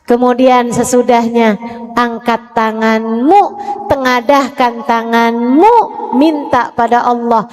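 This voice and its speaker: Woman preacher, high voice, unhurried delivery, long hall reverb. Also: little pitch movement, darkish tone. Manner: models prayers aloud, asks the audience questions. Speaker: Islamic preacher. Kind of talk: religious lecture to women.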